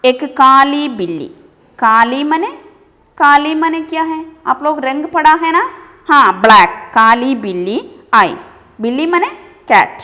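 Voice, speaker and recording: A woman teaching a school Hindi lesson, reading story lines aloud and then explaining each word with questions and quick English glosses. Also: fairly high pitch, fairly bright tone, long reverb tail.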